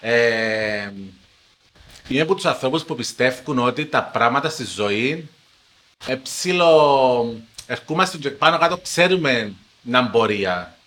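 A young man from Paphos with a Cypriot Greek accent, a TV journalist telling his story in a casual podcast interview with emphatic, animated delivery. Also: mid-range voice. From Paphos, Cyprus. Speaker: TV journalist guest.

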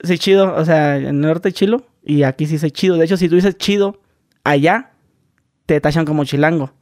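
A man's voice: a little high, moderate pace, a little mellow, no echo, studio quality. A man with a Mexican accent interviewing a guest in a playful, slangy, laughing way. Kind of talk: casual interview chat.

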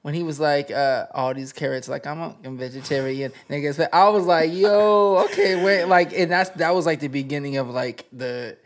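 A man in his thirties, a rapper and poet, talking through his music background in a relaxed, reflective way with frequent fillers and restarts. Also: a little high, normal speed, few pauses, a little hiss or hum. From United States. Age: 30s. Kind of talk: casual interview chat.

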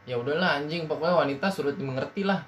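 A man's voice: a little high, racing, a crowd in the background. A man speaking bluntly in a casual chat with friends, swearing offhandedly.

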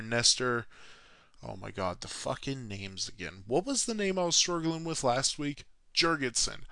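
Reading a sports history script, a man swears frequently and slips in sarcastic, self-mocking jokes. His medium-pitched voice has a sharp tone with no echo.

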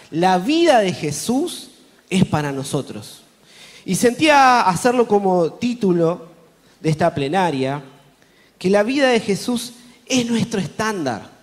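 A man with a Rioplatense Spanish accent preaching a conference sermon, telling Bible stories with lively rhetorical questions to the audience. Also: sits high. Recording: long hall reverb.

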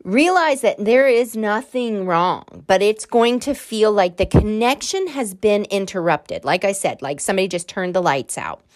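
A woman's voice: medium pitch, expressive, moderate pace, hardly any pauses. A woman hosting a casual solo podcast as an energy healer, talking in a chatty, earnest, encouraging way and laughing at herself now and then. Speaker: podcast host and Reiki healer.

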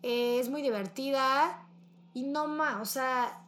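A young woman with a Mexican accent, talking casually and warmly about her best friend, heavy on slang and fillers. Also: high voice, slow. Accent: Mexican Spanish. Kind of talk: casual emotional chat with a friend.

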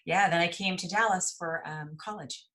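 A woman from El Paso, Texas, talking as an interview guest in a relaxed, thoughtful storytelling manner. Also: on the low side, moderate pace, poor audio. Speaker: guest, jazz singer and voice teacher. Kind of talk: interview conversation.

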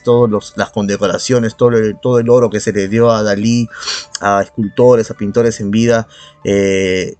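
With a fairly low, slightly mellow voice, a Peruvian man co-hosting a laid-back podcast gives his opinions sarcastically and argumentatively, swearing freely. Music plays beneath him.

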